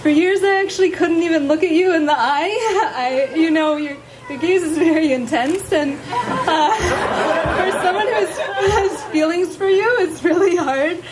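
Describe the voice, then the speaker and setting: High-pitched woman, bride saying wedding vows, halting and giggly, emotional, slow, audience noise behind. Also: crowd noise. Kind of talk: personal wedding vows spoken to partner. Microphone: handheld or shared event microphone. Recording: live ceremony with audience noise.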